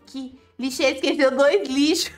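A young Brazilian woman giving chatty gameplay commentary, excitable and laughing often as she teases other players. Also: high voice, a little slow. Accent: Brazilian Portuguese. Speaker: gaming video host.

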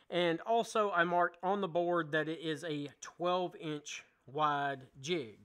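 A man's voice: on the high side, a bit bright. A man in his thirties hosting a casual woodworking how-to, explaining each step plainly with a few fillers, in his home workshop. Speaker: woodworking channel host. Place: home woodworking shop, indoors.

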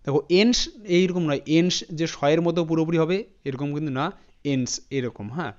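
A man with a fairly high, smooth and resonant voice leads a pronunciation lesson. He spells each word out letter by letter, then says it again slowly, often pausing to check that his students follow. The recording sounds slightly dull and lo-fi. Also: darkish tone. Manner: spells words letter by letter and repeats them slowly; addresses students directly with frequent "thik ache" checks. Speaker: English pronunciation teacher. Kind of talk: spoken classroom lesson.

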